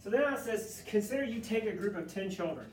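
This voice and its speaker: A man's voice: high-pitched, lively intonation, fairly quick, darkish tone, slight background noise. A male math tutor leading a classroom session, joking and coaxing students through each step. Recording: echoey room from far off.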